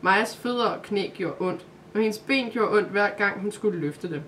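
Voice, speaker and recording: A woman narrating a Christmas calendar story aloud, in a calm, steady way. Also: mid-range voice, a little hiss or hum.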